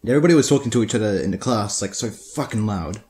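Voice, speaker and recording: A man's voice: fairly low pitch, lively intonation, fast, over loud music. A teenage boy telling crude school stories in a casual, profane, rambling way, full of restarts. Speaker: storyteller. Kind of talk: casual storytelling.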